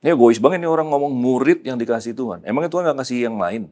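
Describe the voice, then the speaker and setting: A man preaching a sermon, switching between casual slang and English and rising to loud emphatic peaks. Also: mid-range voice, animated, very fast.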